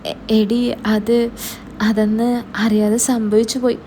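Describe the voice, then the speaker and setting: A woman voicing a husband abroad who argues defensively and tries to calm his wife in a storybook tale. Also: a little high, takes it slowly, a little hiss or hum. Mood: placating.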